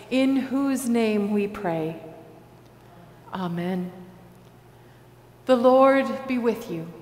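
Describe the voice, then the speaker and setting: A woman pastor leading prayers and the communion liturgy in a large church sanctuary, with a slow, measured cadence. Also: fairly high pitch. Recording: echoey church hall.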